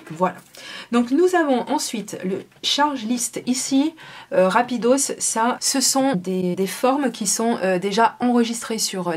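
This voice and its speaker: A woman hosting a casual crafting video, explaining a small printer app step by step in a chatty way, with many fillers. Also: medium pitch. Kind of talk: casual product demo.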